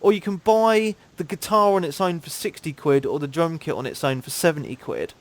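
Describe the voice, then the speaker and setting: A man's voice: on the high side, expressive, a little fast. A man from Cambridge with a southern English accent, hosting a gaming podcast in laid-back, slangy casual chat. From Cambridge, England.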